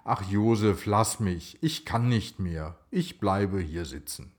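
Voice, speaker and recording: A man's voice: on the low side, slow pace. A man telling a children's story, voicing a tired, tearful pregnant woman. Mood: weary. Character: weary pregnant young woman.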